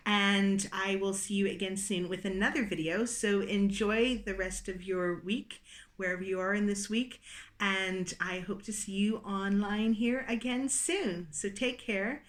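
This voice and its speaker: A woman leading a relaxed singing warm-up lesson, explaining exercises in an encouraging, chatty way and laughing off her own slips. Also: medium pitch. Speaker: singing teacher. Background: piano.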